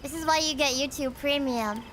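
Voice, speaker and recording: A young woman from the United States hosts a casual livestream from her home setup. She talks in a bubbly, giggly way, greeting viewers with a high, sunny voice. A faint background hiss stays underneath. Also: normal speed, fairly bright tone. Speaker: VTuber streamer and singer.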